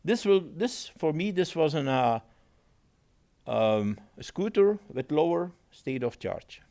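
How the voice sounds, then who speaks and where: Halting man giving a technical talk. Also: a little high, big pitch swings, warm tone. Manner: halting, repeats words, non-native phrasing. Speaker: conference speaker. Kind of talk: technical presentation with audience Q&A.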